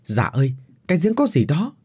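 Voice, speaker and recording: A man voicing a brave, determined young official in a horror story, calling out with a husky voice. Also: on the high side, huge pitch swings, a little fast, pitched above the performer's own voice, exaggerated voice. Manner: determined, shouting.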